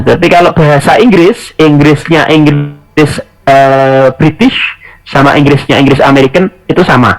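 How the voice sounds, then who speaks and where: A man's voice: fairly high pitch, gravelly, rough recording. Casual man tutoring. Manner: casual, self-correcting, chatty asides. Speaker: English test tutor. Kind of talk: online class teaching.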